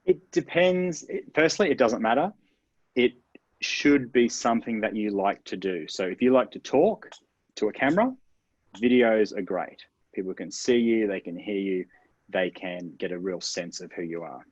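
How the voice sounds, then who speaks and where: Low-voiced man explaining marketing steps. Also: lively intonation, normal speed, husky, no echo. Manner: upbeat, explanatory, stresses key words. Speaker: internet marketing guest expert. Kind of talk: interview advice, explaining step by step. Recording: dull, dry lo-fi sound.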